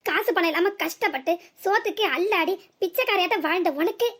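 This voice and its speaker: Scheming vengeful woman, voiced by a woman; taunting, rapid, high, southern Tamil accent. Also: fairly bright tone. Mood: spiteful. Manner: bitter, taunting.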